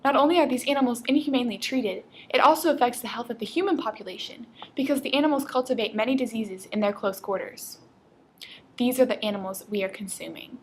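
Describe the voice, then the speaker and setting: A woman's voice: a little high, quick pace, slight background noise. A woman presenting a scripted infomercial in an earnest read-aloud delivery.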